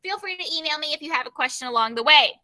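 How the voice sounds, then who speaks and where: A young woman teacher leading an online grammar class over a video call, brisk and given to repeating her prompts. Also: sits high, animated, pushed and bright.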